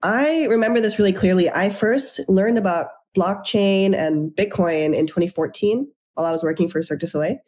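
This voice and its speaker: A woman's voice: medium pitch, brisk, hardly any pauses, a little mellow. A young adult woman, a startup founder, telling her story fluently and upbeat as the guest in an interview over a video call from a room at home. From Japan and the United States. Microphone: video call webcam.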